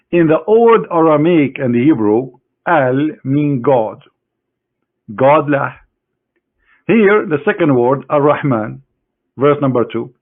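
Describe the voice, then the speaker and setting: Guy, scornful and sarcastic, talks right at the other side, sounds thin like a phone line. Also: fairly high pitch. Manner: scornful, sarcastic, addressing an opponent directly. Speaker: religious critic presenting a screen demonstration. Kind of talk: mocking screen-share lecture.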